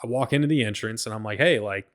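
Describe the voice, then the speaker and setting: A man's voice: medium pitch, very fast. A man hosting a solo podcast, telling a travel story in a rambling, profane way, full of "like" and "bro," often stumbling and restarting. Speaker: podcast host.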